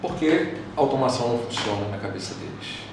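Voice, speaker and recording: A man's voice: mid-range voice, expressive, fast. A man chatting casually as an interview guest, telling stories with hesitant restarts. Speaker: guest, engineer. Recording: roomy echo, distant from mic, faint noise.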